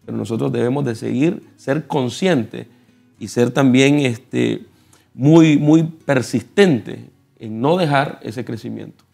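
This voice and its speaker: A man with a Nicaraguan Spanish accent, a pastor explaining scripture in a measured, teaching tone on a television panel. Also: mid-range voice, gravelly, slightly rough. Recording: soft guitar music behind.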